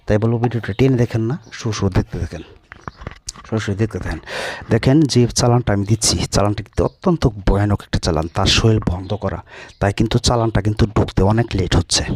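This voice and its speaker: A man working as a folk healer, giving blunt, scolding instructions in a video and chanting spells slowly at times. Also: medium pitch, a little mellow, dry recording.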